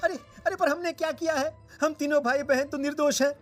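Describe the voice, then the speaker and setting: A woman plays a frightened young brother in a horror cartoon, pleading and crying out in panic. The voice sits high, with music under it. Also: steady tone, brisk, natural voice. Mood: terrified.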